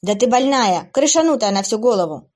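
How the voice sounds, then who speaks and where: A woman voicing a young heroine who pleads and shouts in anger and despair for an audiobook. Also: mid-range voice, lively intonation, a little fast, close to an everyday voice. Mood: furious.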